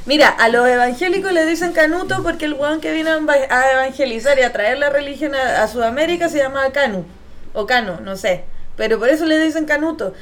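A woman's voice: high voice, brisk. Chatty chilean woman, slangy. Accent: Chilean Spanish. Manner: laughing, animated storytelling with slang. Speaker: podcast co-host. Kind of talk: casual chat.

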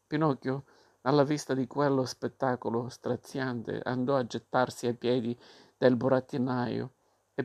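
A man reading a classic children's tale aloud with a measured storytelling cadence. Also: medium pitch, darkish tone. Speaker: narrator.

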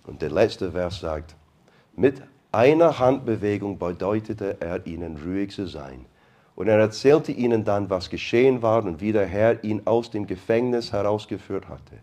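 A man's voice: on the low side, animated, moderate pace, warm tone. A male preacher retelling a Bible story in a sermon, playful and asking his listeners questions. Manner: playful, asks the congregation questions.

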